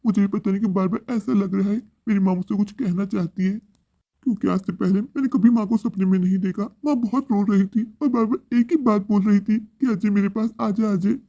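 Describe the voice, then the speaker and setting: A man's voice: high-pitched, steady tone, a little fast, mellow, highs cut off. A man voicing a remorseful grown son who speaks in an earnest, pleading way. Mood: troubled.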